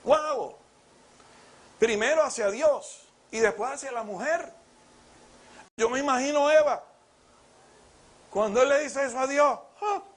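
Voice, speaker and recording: A man's voice: very high voice, a little slow, pauses often. A man preaching a sermon with rhetorical questions, acting out biblical dialogue as he goes.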